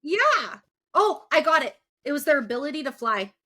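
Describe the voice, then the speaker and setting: Young woman podcast host, laughs a lot, kinda high voice. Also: sing-song, normal speed, pushed and bright. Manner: giggly, chatty, laughs often. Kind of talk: casual podcast chat.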